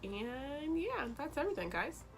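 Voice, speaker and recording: A woman's voice: high-pitched, sing-song, a little slow, over music. A young woman vlogging casually about her hair, her voice congested from allergies, chatty and playful. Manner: chatty, playful, calls viewers "girl". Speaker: beauty vlogger. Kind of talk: casual vlog chat to camera.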